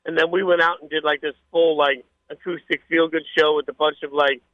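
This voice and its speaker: A man with a fairly high voice chats as a radio guest, rambling through casual stories. The sound is dry and slightly dull. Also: little pitch movement, brisk, no echo. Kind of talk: casual anecdotal storytelling.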